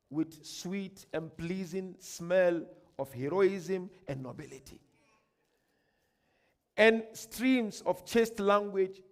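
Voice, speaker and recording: A high-voiced man with a Ghanaian accent delivers a religious lecture, his voice rough with gravel. He swings from loud, emphatic declaiming to hushed asides. Quotations come out slow and grand. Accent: Ghanaian English. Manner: reads quotations slowly and grandly. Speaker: sheikh giving a workshop lecture.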